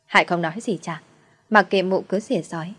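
Woman narrating a story audiobook, lowish voice, steady pace. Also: a little fast.

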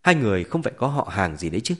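A man voicing a cheerful, teasing young male sidekick who talks quickly and jokes in a storybook reading. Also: fairly low pitch, very animated. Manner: quick and joking.

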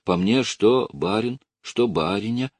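A humble, simple soldier orderly who answers deferentially and a little sheepishly, played by a male storyteller. His voice is husky and sits above the narrator's low base. It is recorded close and dry. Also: animated, measured pace, a little mellow, dry recording.

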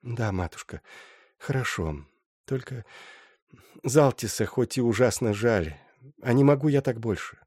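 A man voicing a grieving young woman who speaks softly and pleads, in an audiobook. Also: mid-range voice, moderate pace, no room sound, clean studio sound, close to an everyday voice. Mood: tearful. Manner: soft, pleading. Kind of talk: audiobook character voice.

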